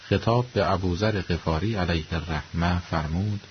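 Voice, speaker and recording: A man with a low voice delivers scripted religious commentary as a radio host. His delivery is formal, measured and reverent. The recording sounds muffled, with a faint hiss underneath.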